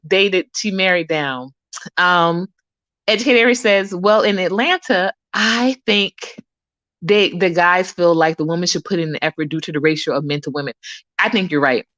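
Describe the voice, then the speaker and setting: A woman's voice: medium pitch, a bit bright, no room sound. Rambling woman host, casual chat, dull dry lo-fi sound. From Bahamas. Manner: chatty, rambling with frequent fillers. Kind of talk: casual live audio chat.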